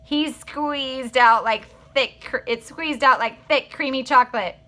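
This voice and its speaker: A woman, a teacher, reading a children's book aloud in an expressive, animated way. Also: high voice, unhurried.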